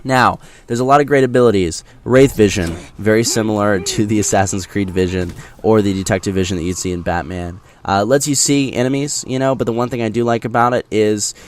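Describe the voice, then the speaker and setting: A man's voice: fairly low pitch, fairly even intonation, a little fast, hardly any pauses. A man talking casually through his impressions of a video game, explaining things directly to viewers in a conversational way. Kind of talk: casual scripted-free game impressions commentary over gameplay.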